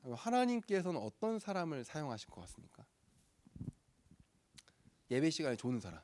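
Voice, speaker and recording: Lively young male youth pastor. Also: on the high side, normal speed. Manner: lively, playful, acts out voices in the story. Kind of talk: sermon to a youth group.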